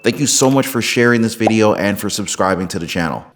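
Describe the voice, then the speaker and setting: A man's voice: on the low side, lively intonation, quick pace, a little hiss or hum. A man hosting a political commentary channel, talking casually and directly to his viewers with strong opinions. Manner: conversational, addresses viewers directly.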